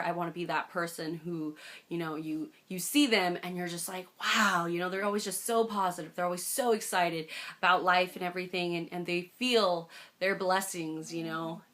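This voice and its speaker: With a voice on the low side and a bit bright, this young American woman chats casually to camera. She's a vlogger sharing a personal story, and she sounds bubbly, gushing and emphatic.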